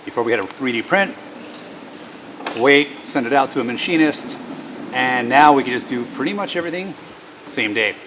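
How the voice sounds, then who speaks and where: A man's voice: mid-range voice, expressive, moderate pace, pauses often, noisy background. A man chatting casually in a machine shop, rambling with fillers and restarts as he shows off new equipment.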